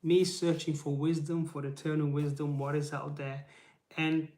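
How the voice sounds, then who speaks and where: This YouTube host, a Portuguese-speaking man talking in English, gives an informal live pep talk straight to camera. His fairly high, warm voice barely moves in pitch and keeps a moderate pace. He poses rhetorical questions, often tacks on "right?", and sounds earnest and encouraging, with reverberation picked up by the camera mic.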